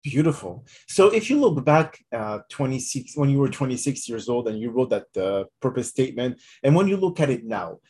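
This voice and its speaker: A man hosting his own podcast, introducing himself and asking a guest questions in a measured, encouraging way. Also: mid-range voice, big pitch swings, dark tone. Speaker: podcast host, psychotherapist.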